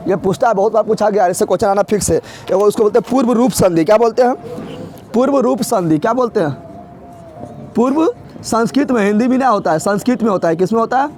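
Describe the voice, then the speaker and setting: A young man runs an exam-prep grammar lesson. His voice sits high for a man, and he keeps firing questions at his students and answering them himself, over and over, like a drill. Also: fast talker, darkish tone, a little hiss or hum. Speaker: teacher.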